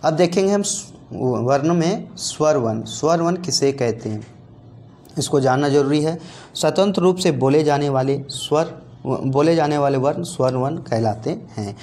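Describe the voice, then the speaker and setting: A man's voice: on the high side, animated, moderate pace, a little mellow. A man with a Jharkhand Hindi accent teaching an exam-prep grammar lesson, repeating points and asking and answering his own questions.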